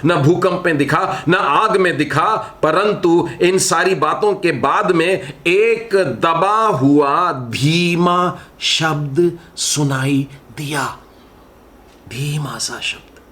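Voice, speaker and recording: A man delivering a sermon at an unhurried, measured pace. His voice sits fairly high for a man, and he poses rhetorical questions to his listeners. He often lets phrases fall away into a hushed tone. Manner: slow, deliberate preaching with rhetorical questions. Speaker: preacher.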